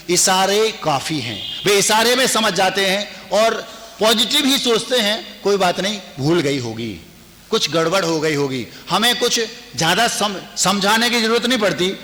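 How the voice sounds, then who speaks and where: A man, a Jain monk, giving a lively, humorous sermon and acting out little household dialogues. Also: high-pitched, in a large hall.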